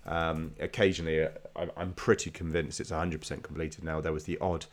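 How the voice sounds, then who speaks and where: A man's voice: rumbling low, little pitch movement, a little fast. A man with a nasal, stuffed-up voice from a slight cold, talking casually as a podcast host.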